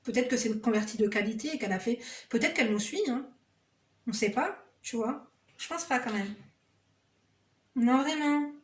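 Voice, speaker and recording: A woman's voice: a little high, normal speed, pauses often, roomy sound. A woman vlogger giving relationship advice, reading out a viewer's story and cutting in with sassy, sarcastic, teasing asides.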